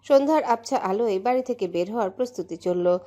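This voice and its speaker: A woman narrating a romantic audio story in an emotive, steady way. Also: medium pitch, quick pace.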